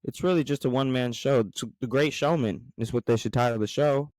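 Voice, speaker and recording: A man's voice: medium pitch, fairly quick, darkish tone, no room sound. A man with an American accent talking casually as a solo podcast host, in a rambling, conversational way. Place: garage.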